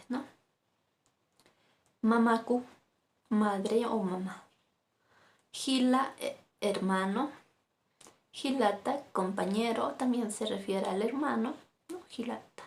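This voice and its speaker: A woman teaching a vocabulary lesson, patiently repeating each word and ending phrases with a questioning tag. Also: a little high. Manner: patient, repeats words, adds "¿no?" tags. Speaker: Aymara language teacher.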